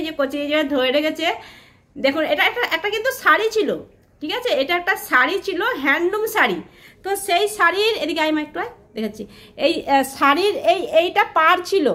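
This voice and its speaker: Brief: middle-aged woman, high voice, chatty home-cooking vlogger, echoey kitchen. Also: a bit bright. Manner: chatty, often asks "all right?" to viewers. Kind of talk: casual home vlog chat.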